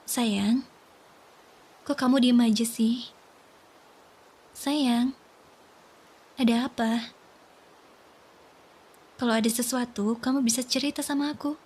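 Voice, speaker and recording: A young woman voicing a worried wife who gently questions her husband, in a soft whispered role-play. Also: a little high, fairly even intonation, takes it slowly, pauses often, breathy edge. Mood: gentle. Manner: gentle, coaxing, pleading.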